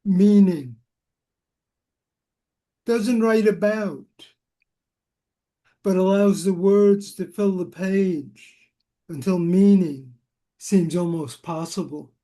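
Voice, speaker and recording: A man's voice: high-pitched, slow pace, long pauses, mellow. A man poet reading a very short poem twice on a livestream, brief and understated. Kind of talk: poetry reading.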